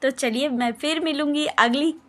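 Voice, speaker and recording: A young woman with a high-pitched voice tells a childhood story in a chatty, lively vlog style. She keeps turning to her viewers and calls them friends. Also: normal speed. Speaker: vlogger.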